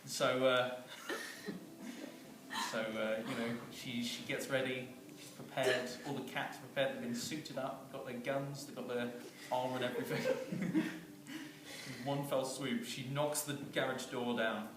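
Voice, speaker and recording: A man rambles through a comic story, chuckling at his own jokes. His voice is set well back from the mic in a very echoey room, with noise clearly audible behind him. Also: mid-range voice, fairly even intonation, moderate pace, few pauses, recorded from a distance. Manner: rambling, chuckling, with many fillers and restarts.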